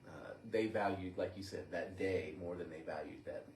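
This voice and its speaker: A man's voice: low-pitched, moderate pace, a little mellow. A man in a casual Bible study discussion, thinking aloud and often restarting his sentences. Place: church room. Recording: echoey room, distant mic, faint noise.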